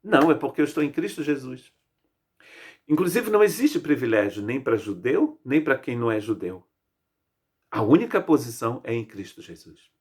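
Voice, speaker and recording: A man's voice: mid-range voice, very animated, moderate pace, a little mellow, husky. A man in his fifties from Brazil with a Brazilian Portuguese accent, preaching a sermon as pastor in an emphatic way, stacking repeated phrases. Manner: emphatic, lists phrases in rising repetition. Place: church.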